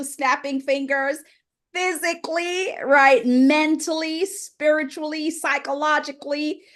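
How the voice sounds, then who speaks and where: A woman moderating a live book launch on a video call. She speaks with enthusiasm and asks the host questions. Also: fairly high pitch. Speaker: moderator and interviewer. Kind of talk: live launch event interview. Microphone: video conference call.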